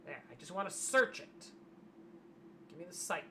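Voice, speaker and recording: A hoarse streamer in casual livestream commentary, wry and grumbling, reading aloud from a web page. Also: medium pitch, big pitch swings, normal speed, pushed and bright, a little hiss or hum. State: losing voice, hoarse.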